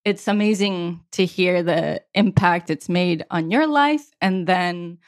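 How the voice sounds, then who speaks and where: A woman's voice: on the low side, slow, no echo, clean studio sound. A woman chatting as a podcast guest, talking loosely with lots of fillers and frequent laughter. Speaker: podcast guest, software developer. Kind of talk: casual podcast chat.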